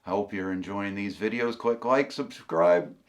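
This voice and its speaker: A man from Maine with a Maine accent tells comic stories in a folksy, halting way, repeating himself and using local expressions. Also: lowish voice. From Maine, New England. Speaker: humorous storyteller and video host.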